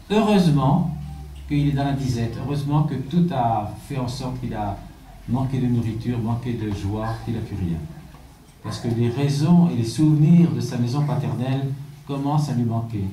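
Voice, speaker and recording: A man, a bishop, giving a measured, reflective sermon with rhetorical questions, recorded in a church from a distant mic. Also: mid-range voice, warm tone, reverberant, slight background noise.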